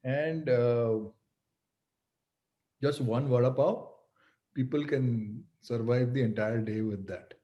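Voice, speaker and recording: A man's voice: mid-range voice, slow pace, pauses often, highs cut off. A man hosting a casual interview, chatty, with many restarts and laughs. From India. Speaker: podcast host.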